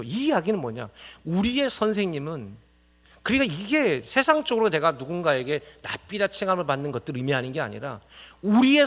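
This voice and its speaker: In a voice that runs a little high, a middle-aged male pastor gives his Sunday sermon. Rhetorical questions to the congregation lead into emphatic exclamations.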